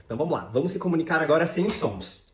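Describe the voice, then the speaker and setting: A man's voice: fairly high pitch, very animated, racing, echoey room, a little hiss or hum. A man with a Brazilian Portuguese accent teaching English pronunciation in a video lesson, answering criticism in an emphatic, argumentative way and drawing out his example words.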